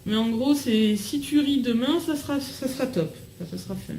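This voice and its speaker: A woman's voice: fairly high pitch, expressive, a little fast, warm tone, roomy sound, slight background noise, low-quality recording. A young woman chatting casually to camera as she unboxes a package at home, bubbly and full of fillers. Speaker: vlogger unboxing a swap package.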